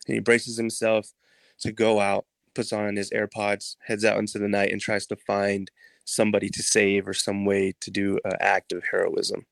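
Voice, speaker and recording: A man, a podcast guest, retelling a story in a casual, animated way and laughing often. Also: fairly low pitch, normal speed, gravelly, dry recording.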